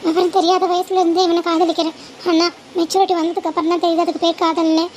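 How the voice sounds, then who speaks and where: Woman voicing a super high pitched cartoon girl, anxious and clingy, begging her boyfriend not to leave. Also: little pitch movement, quick pace, a little mellow, slight background noise. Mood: hesitant. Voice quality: very high, girlish. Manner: pleading, clinging, tearful. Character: young woman in love, anxious and devoted. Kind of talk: homemade animated cartoon dialogue.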